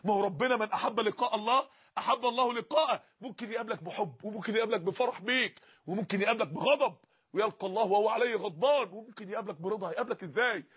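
A man's voice: high-pitched, racing, breathy edge. A man with an Egyptian accent preaching an impassioned sermon, pleading with listeners and acting out dialogues. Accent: Egyptian Arabic. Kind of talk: emotional Egyptian Arabic sermon. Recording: dull lo-fi sound.

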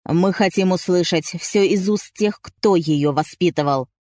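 A woman's voice: fairly low pitch, a little slow, darkish tone, no room sound, natural voice. A woman voicing a cold, terse young man in a storybook reading, speaking dryly. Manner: dry, terse.

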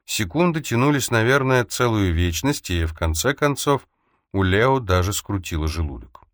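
This audiobook narration comes from a man whose voice is on the low side. The studio-quality recording is dry, and he reads the script in an even, measured way.

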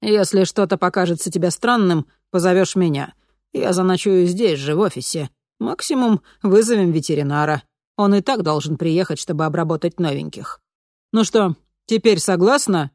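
Brief: a woman doing a domineering, heavyset older boss lady, brusque and pushy, slightly low and dry. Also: normal speed, darkish tone, dry recording, natural voice. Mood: reassuring. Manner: brusque, domineering, then panicky pleading. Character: bossy heavyset middle-aged woman, cruel sadist. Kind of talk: audiobook character reading.

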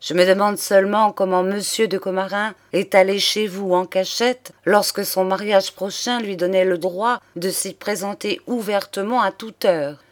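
A woman reading a novel aloud and voicing a stern male magistrate who speaks in a cold, measured tone. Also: mid-range voice, fairly even intonation, close to an everyday voice.

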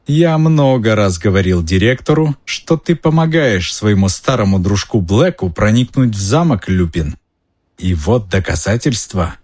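A man with a husky voice reading aloud and voicing a cold, venomous male schoolmaster who hisses and sneers. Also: fairly low pitch, lively intonation, unhurried. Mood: sneering. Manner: hissing, sneering, bursts into shouting.

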